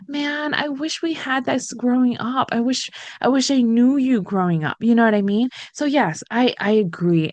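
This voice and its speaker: A woman's voice: medium pitch, darkish tone, no echo. A woman hosting a podcast interview, chatty and affirming, often asking "you know what I mean". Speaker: podcast host. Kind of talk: casual interview chat.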